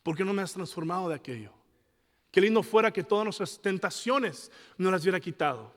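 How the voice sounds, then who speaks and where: A man preaches a passionate sermon, his voice pitched high and bright. He slips into the voices of his congregants to mock their excuses. The sound carries a long church-hall reverb. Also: animated, brisk. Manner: passionate preaching, rising to shouts, mimics congregants. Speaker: pastor.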